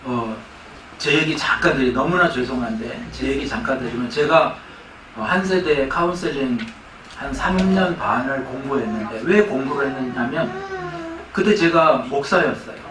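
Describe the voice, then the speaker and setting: A man's voice: medium pitch, normal speed, background noise. Man preaching in an echoey church. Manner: animated storytelling with laughter. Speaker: pastor. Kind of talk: sermon. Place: church sanctuary. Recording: echoey church hall from far off.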